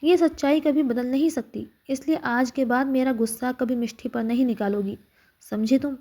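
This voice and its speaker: A woman's voice: sits high, fairly even intonation, normal speed, mellow. A woman voicing an angry, protective young husband in a read-aloud story, speaking in stern, clipped bursts.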